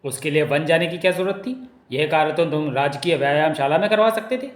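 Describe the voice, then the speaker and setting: A man's voice: on the high side, a little fast, close to an everyday voice. A man voicing a haughty male chief minister who scolds with scorn. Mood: scolding. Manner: scolding, pompous. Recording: echoey room.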